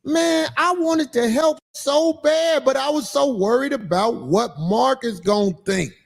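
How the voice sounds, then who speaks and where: A man hosting a livestream, telling stories in casual chat with animated, profane delivery. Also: extremely high pitch, unhurried, vocal fry. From Chicago, Illinois. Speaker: livestream host.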